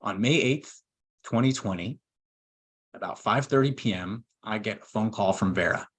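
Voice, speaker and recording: A man in his forties, lower-voiced than most, tells a personal story in a webinar. He speaks earnestly and heartfelt, with fillers, pauses and restarts. His voice is emotional at times. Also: fairly bright tone, breathy edge. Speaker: estate planning attorney.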